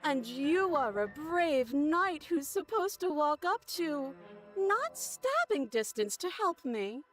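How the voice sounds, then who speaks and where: An actress playing a captive cartoon princess in a video game, putting on a fake, goofy sweetness with a grating, threatening edge. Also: female voice, high-pitched, very animated, slow, faint music behind, heavily acted. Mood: feigned innocence. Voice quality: grating, sharp-edged.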